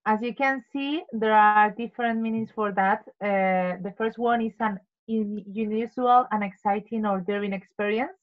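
A woman's voice: mid-range voice, steady tone, moderate pace, few pauses. A woman presenting in an online meeting in careful non-native English, explaining and reading out definitions. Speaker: meeting member presenting word of the day. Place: video call. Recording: dull video-call audio.

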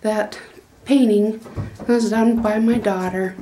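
This is casual walkthrough narration from a middle-aged woman showing off her small wooden goat barn, rambling and homespun with lots of fillers and restarts. Her warm, mid-range voice holds a steady tone and slow pace, recorded on a handheld phone with slight background noise.

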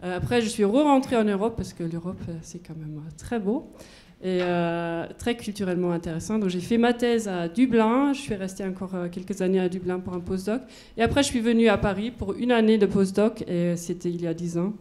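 On a handheld microphone in a university lecture hall, a German-accented research physicist in her forties gives a conference talk, moving about and explaining with everyday examples. Her mid-range voice is mellow and a little fast.

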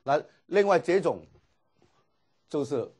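A man's voice: a little high, sing-song, slow pace, a little mellow, husky. A man teaching a Greek class, explaining patiently and dropping frequent filler particles. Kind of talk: classroom lecture.

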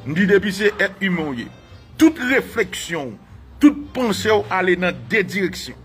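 A Haitian man teaching a class on live radio, animated, retelling dialogues and repeating phrases for emphasis. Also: high-pitched, brisk, soft background music.

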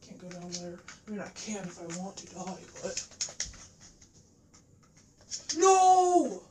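A woman's voice: on the low side, little pitch movement, brisk. A woman giving casual gameplay commentary as a gamer, recorded in a living room on a camera. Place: indoors, living room facing a TV. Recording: roomy echo, background noise, controller clicks.

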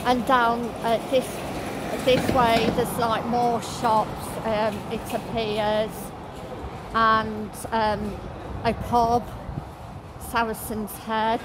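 A travel vlogger in her thirties points out shops and sights while walking through the city, her slightly high voice delivered flatly and broken up by many ums and uhs. She talks into a phone camera at arm's length. Behind her narration, street noise and traffic can be heard.

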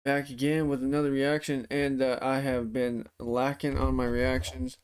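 A man's voice: medium pitch, little pitch movement, moderate pace, darkish tone, clear, resonant tone. A young man giving casual, slangy, profane reaction commentary, his speech affected by a swollen face and sore tooth. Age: young adult. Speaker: music reaction host. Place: living room at home.

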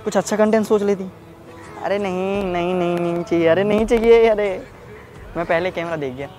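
A man's voice: sits high, fairly quick, a little mellow, faint music behind. A man hosting a prank video, bantering teasingly in casual talk and repeating himself, recorded outdoors in a public place.

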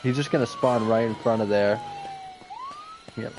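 A man's voice: medium pitch, huge pitch swings, normal speed, background noise. A man in casual chat with friends while playing an online game, teasing and crude, with game music behind him.

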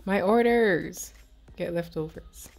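A woman's voice: fairly low pitch, slow pace, a little mellow, faint music behind. A woman gaming YouTuber giving chatty, giggly let's-play commentary, bossing her characters around.

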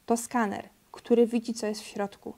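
A woman reading aloud and voicing a good-natured father pig in a calm, explaining way. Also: a little high, normal speed, lightly acted.

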